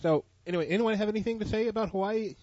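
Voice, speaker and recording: A man's voice: sits high, very fast, darkish tone, no room sound. A man co-hosting a casual podcast, dry and full of questions. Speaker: podcast co-host. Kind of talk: casual chat. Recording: dry dull lo-fi podcast audio.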